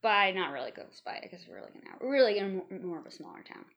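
A woman's voice: mid-range voice, sing-song, quick pace, fairly bright tone, muffled recording. A woman in her thirties from Iowa, a guest in a casual interview, chatty and playful, laughing often.

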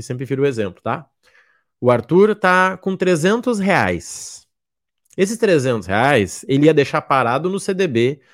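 A man coaches his audience in a casual, blunt way. His voice sits a little high and moves up and down with animation. He keeps slipping into mocking imitations of his students. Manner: blunt, jokey, acts out students' lines. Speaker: miles program mentor. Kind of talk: casual motivational talk.

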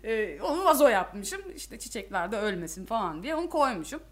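A woman's voice: mid-range voice, big pitch swings, fairly quick. A young woman co-hosting a podcast, telling stories with frequent laughter and defending herself in casual chat. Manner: laughing, self-defending storyteller. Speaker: podcast co-host.

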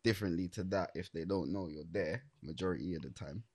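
A man's voice: deep voice, quick pace, a little mellow, husky, no room sound. Man explaining things, dry sound. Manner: explanatory, checks listeners understand. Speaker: music artist with DJ background. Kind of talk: casual group discussion.

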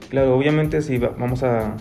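Man, gravelly voice, earnest advice-giving guest. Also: mid-range voice, fairly quick, mellow, faint music behind. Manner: earnest, explanatory, frequent restarts and fillers. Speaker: guest expert on child bullying. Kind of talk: radio-style talk, advising parents.

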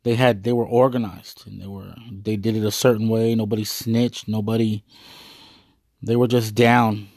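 A man's voice: on the low side, little pitch movement, moderate pace, a little mellow, no echo, studio quality. A man giving a rambling, earnest monologue to his viewers, full of hesitations and fillers. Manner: earnest, proud.

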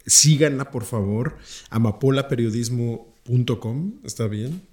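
A man's voice: mid-range voice, measured pace, a little mellow. A man hosting a casual podcast chat, recorded in a roomy space. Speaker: podcast host. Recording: roomy echo.

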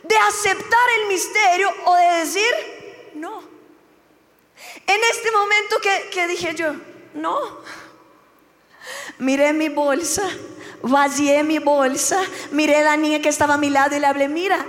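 A young woman with a very high voice gives a heartfelt testimony, acting out the lines of the people in her story. Her voice rings with a long hall echo. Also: a little slow, pauses often, a bit bright. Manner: emotional storytelling, acting out dialogue. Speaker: church speaker giving testimony. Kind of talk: testimony sermon.

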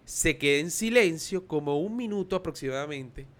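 Venezuelan man, 30s, podcast co-host; high, bright voice, animated storyteller. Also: normal speed. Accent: Venezuelan Spanish. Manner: animated storyteller, laughs often. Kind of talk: casual chat.

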